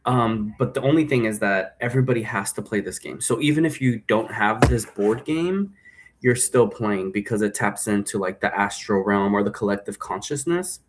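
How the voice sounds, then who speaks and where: A man with a lowish voice talks at a moderate pace over slight background noise. He's hosting a solo vlog from a room in his home, rambling in a chatty, informal way.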